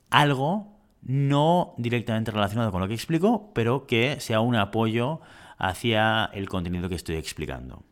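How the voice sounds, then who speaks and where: A man from giving a measured, reflective talk on presentation skills, with rhetorical questions and a few fillers. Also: fairly low pitch.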